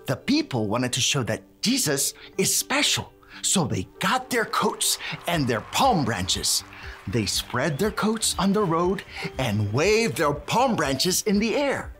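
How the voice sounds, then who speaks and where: A man's voice: on the high side, huge pitch swings, slow pace, fairly bright tone, faint music behind. A man hosting a preschool Bible lesson as a cheerful handyman, playful and exclamatory, leading children in chants. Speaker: children's show host in character.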